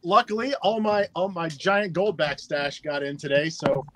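A man's voice: fairly high pitch, steady tone, normal speed, background noise. A man hosting a live stream giveaway in a casual, chatty and upbeat way, talking into a phone. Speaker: livestream giveaway host.

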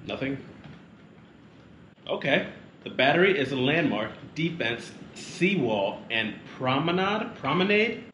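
The recording is muffled and echoey, with steady noise behind a man whose mid-range voice takes things slowly, leaving long pauses. On the family travel vlog, he reads facts aloud and jokes around, teasing a child.

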